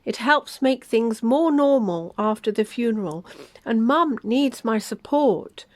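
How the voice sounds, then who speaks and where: A woman voicing a young man, an evasive boyfriend who talks in a flat, soft, hurried way. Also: a little high, no room sound.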